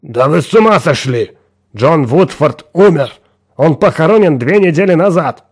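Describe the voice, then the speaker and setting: A man's voice: medium pitch, moderate pace, darkish tone, close to an everyday voice. A man voicing a harsh, contemptuous boss woken at night, curt and barking. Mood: angry scorn.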